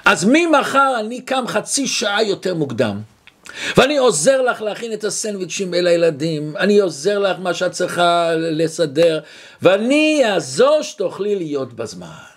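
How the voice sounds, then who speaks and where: A man's voice: high-pitched, sing-song, fairly bright tone, heavily acted. A man voicing a patient, kind husband who reasons with and reassures his wife while telling a story. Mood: reassuring.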